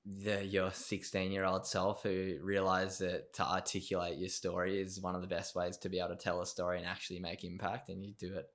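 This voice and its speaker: A man hosting a podcast, chatting casually with halting phrasing as he searches for his words. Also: sits low, monotone, a bit bright. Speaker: podcast host. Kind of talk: casual interview chat.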